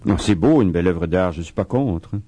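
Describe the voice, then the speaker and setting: A man giving a spiritual talk as a preacher, reading quotations slowly and solemnly and adding chatty asides. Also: deep voice, lively intonation, dark tone, no echo. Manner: reads quoted writings slowly and solemnly, adds chatty asides. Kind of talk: spiritual talk on a saint's life.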